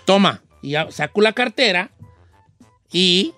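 A man playing a cheeky old Mexican radio host with a high, reedy old-man voice, teasing and rambling in a comedic talk show. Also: animated, slow, pushed and bright, dry recording, soft background music, exaggerated voice. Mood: joking. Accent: Mexican Spanish. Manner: teasing, rambling, chuckles often.

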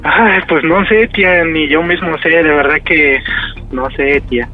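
A man's voice: on the high side, a little slow, phone-quality sound, soft background music. A man in his thirties with a Mexican accent, chatting casually and a bit hesitantly as a caller to a radio show. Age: 30s. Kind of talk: casual phone chat.

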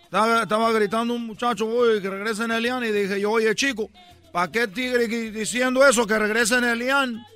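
A man voicing a boastful Cuban baseball player with a Cuban accent in a comedic radio bit, loud and rambling, repeating himself. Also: very high-pitched, steady tone, a little fast, soft background music. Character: boastful Cuban ballplayer, adult man, brash joker.

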